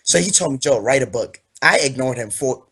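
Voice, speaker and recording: A man's voice: mid-range voice, animated, a little fast, fairly bright tone, husky. Earnest young man from Ghana. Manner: earnest, rambling with many fillers. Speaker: author guest. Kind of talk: casual interview.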